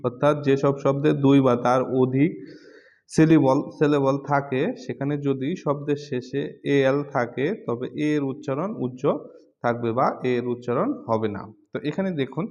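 A man with a Bangladeshi accent teaching an English pronunciation lesson, repeating example words slowly. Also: medium pitch, darkish tone, lo-fi sound. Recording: long hall reverb.

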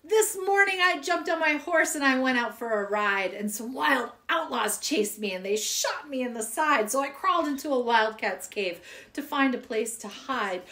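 A woman's voice: sits high, animated, moderate pace, sharp tone. A woman reading children's poems aloud in a playful, giggly way. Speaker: poetry reader.

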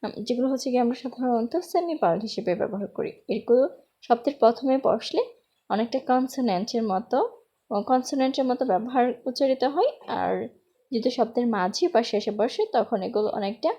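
Female grammar tutor, slightly high and husky, explains patiently and drills each example slowly. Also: mellow. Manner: explains step by step, slows down to spell out English examples. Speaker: English grammar teacher. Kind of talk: spoken grammar lesson.

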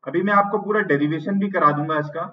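A male teacher with an Indian English accent giving an online exam-prep lecture. He dictates notes slowly, repeats phrases, and asks and answers his own questions. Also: a little high, recorded from a distance, lo-fi sound.

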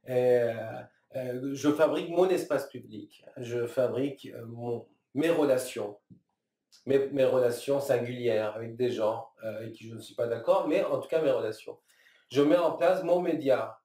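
Halting man in an echoey room. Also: medium pitch, warm tone. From Iran. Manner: thoughtful, halting, many restarts and fillers, gestures with both hands. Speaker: filmmaker being interviewed. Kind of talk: reflective interview answers. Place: small room, seated at a table. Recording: roomy, slightly distant sound.

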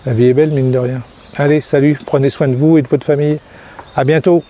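A French crêpe-making trainer in his sixties talks casually to a phone held at arm's length in selfie framing as he walks through a park. His vlog monologue rambles with many fillers and restarts, in a mid-range, fairly even, fast and dark voice over a slight hiss or hum.

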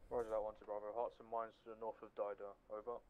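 Man answering fast over walkie talkie. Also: on the low side, flat delivery. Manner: terse, fast radio calls. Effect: over walkie talkie radio. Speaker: squad radio operator in a military sim. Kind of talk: clipped radio procedure. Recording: muffled radio with faint static.

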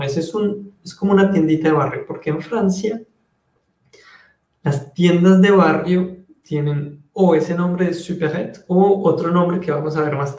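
A man's voice: fairly high pitch, a little mellow, echoey room. A man teaching French in an online class, explaining patiently and switching between Spanish and French.

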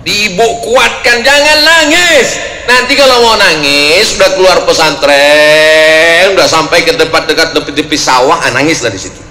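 A forceful, bright-voiced man from Riau, Sumatra, preaches to a crowd. He jokes, acts out quoted voices and breaks into sudden shouts. His voice rings through a large hall with a long reverb and a faint hiss behind it. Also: a little high, normal speed, few pauses. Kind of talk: lively sermon to a crowd.

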